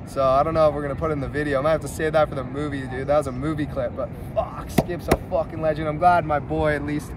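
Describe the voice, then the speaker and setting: A man's voice: fairly high pitch, fairly even intonation, fast talker, few pauses. A young man chatting casually in slangy, profane, hyped surfer talk, recorded on a phone on an open beach. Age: young adult. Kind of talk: casual vlog chat. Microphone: phone at arm's length. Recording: noisy outdoor phone recording, surf and wind.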